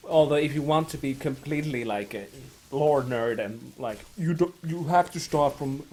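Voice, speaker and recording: Excitable man chatting about games. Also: fairly high pitch, moderate pace. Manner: excitable, sarcastic, bursts into loud shouts. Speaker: co-host playing a game. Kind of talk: casual gaming chat.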